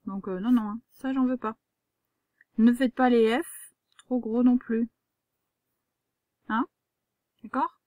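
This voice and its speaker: A woman's voice: a little high, steady tone, slow pace, pauses often, dry recording, narrow, tinny audio. A woman, a primary school teacher giving a patient, step-by-step handwriting lesson to a young child.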